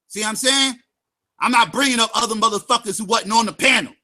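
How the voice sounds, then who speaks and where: A man's voice: sits high, fast, sharp tone. Heated, profane man ranting. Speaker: livestream commentator. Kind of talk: angry ranting commentary.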